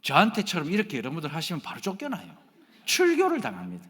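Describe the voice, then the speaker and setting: Male pastor with a Gyeongsang accent, high voice with plenty of melody, talks directly to the congregation and teases them. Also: fast. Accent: Gyeongsang Korean. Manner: animated, addresses the congregation directly and jokes with them. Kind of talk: sermon.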